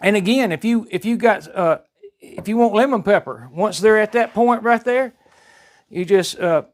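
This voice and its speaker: A man's voice: high-pitched, animated, normal speed. A man with a Southern US accent casually demonstrating home cooking in a folksy, rambling, chatty way. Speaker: home cooking vlog host.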